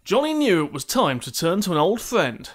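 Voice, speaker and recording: A man's voice: sits high, big pitch swings, normal speed. A man reading scripted comic narration in a dry, mock-dramatic way.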